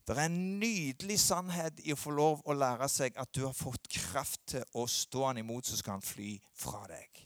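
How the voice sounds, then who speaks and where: Emphatic pastor preaching. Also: male voice, few pauses, no echo, clean studio sound. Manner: swings between loud emphatic peaks and low quiet asides. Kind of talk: sermon.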